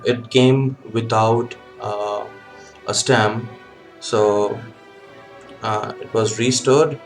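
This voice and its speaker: A man talking casually to a webcam as a hobby video host, in a halting way with frequent ums and pauses. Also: medium pitch. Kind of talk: casual vlog talk. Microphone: webcam setup.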